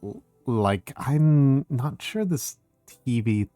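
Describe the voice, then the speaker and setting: A man voicing a snooty teenage mean girl in a catty valley girl drawl with drawn-out words. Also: mid-range voice, expressive, dark tone, no room sound, soft background music. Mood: bored, snooty.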